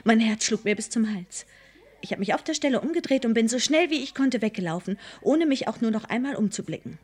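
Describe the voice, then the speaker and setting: An actress playing a mother telling an eerie tale in a hushed, suspenseful children's audio drama. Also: on the high side, animated, brisk. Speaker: Jan's mother, telling her story.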